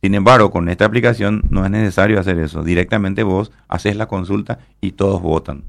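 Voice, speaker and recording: A man talks through an explanation at length as an interview guest. His voice sits low and has a gravelly, creaky texture. He keeps checking in with his listener as he rambles on. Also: brisk. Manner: explanatory, rambling with fillers and tag questions. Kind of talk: explaining an app in a radio interview.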